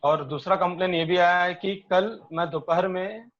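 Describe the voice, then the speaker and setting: A man's voice: high-pitched, steady tone, normal speed, a bit bright. Polite male staffer raising detailed complaints, muffled call audio. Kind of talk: questions on a meeting call.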